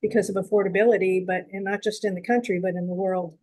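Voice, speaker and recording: Woman from San Jose, earnest reflective guest, mid pitch. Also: fairly even intonation, fast, a little mellow, rough recording. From San Jose, California. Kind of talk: interview conversation.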